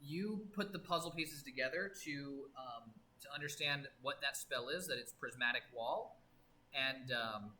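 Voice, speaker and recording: A man narrating as game master of a tabletop game, describing scenes with many pauses and restarts. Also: medium pitch, sharp tone, a little hiss or hum, poor audio. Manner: halting, full of fillers and restarts, descriptive.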